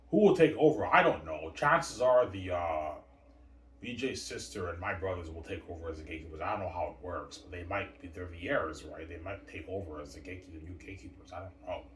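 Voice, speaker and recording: A man's voice: low voice, fairly quick. A man talking in a rambling, repetitive casual monologue, often tagging lines with "obviously" and "man". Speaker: vlogger. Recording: echoey room, distant mic, faint noise.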